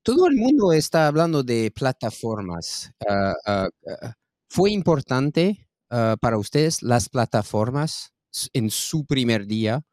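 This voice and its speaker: A man hosting a podcast, asking his guests halting questions and stumbling over his words. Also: medium pitch, big pitch swings, darkish tone, no echo, studio quality. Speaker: podcast host. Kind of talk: interviewing.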